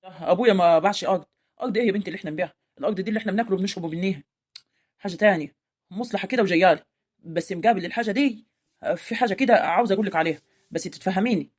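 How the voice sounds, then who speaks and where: Scheming young village man as a woman acts him out, Egyptian accent, persuasive, very fast talker, medium pitch. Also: a little mellow, close to an everyday voice. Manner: smooth-talking, persuasive. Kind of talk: amateur village drama acting.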